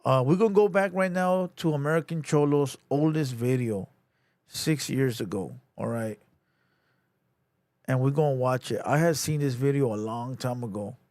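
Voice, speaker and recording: A man's voice: mid-range voice, moderate pace, a little mellow, no room sound, clean studio sound. Laid-back man hosting a livestream. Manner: laid-back slang, lots of "you know" and "bro". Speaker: livestream host. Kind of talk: casual livestream commentary.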